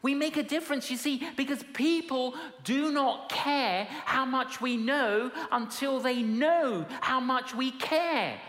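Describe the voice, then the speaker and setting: A woman's voice: high-pitched, takes it slowly, few pauses, a bit bright. A woman preacher giving a sermon to a live congregation in a theatrical storytelling manner, with repeated phrases. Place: large hall with live audience. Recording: echoey hall, reverberant, audience noise.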